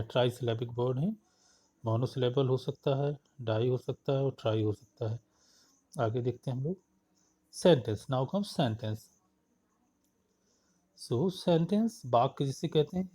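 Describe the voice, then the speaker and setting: A male teacher walks through grammar terms at a very slow, deliberate pace. His voice is dark and a little husky, and he repeats each term, filling the pauses with "uh" and "okay". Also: medium pitch. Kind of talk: slide-based grammar lesson mixing Hindi and English.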